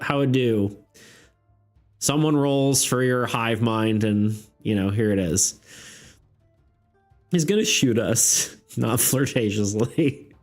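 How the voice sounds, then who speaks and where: A man running a tabletop game on a live stream, rambling casually, laughing often and asking his chat for ideas. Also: medium pitch. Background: faint background music.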